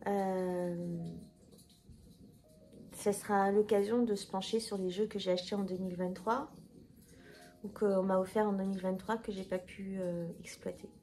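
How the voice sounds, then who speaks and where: A woman's voice: medium pitch, mellow. A woman chatting casually to her viewers, rambling with fillers and self-corrections. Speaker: tarot video creator. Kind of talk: casual talk to camera.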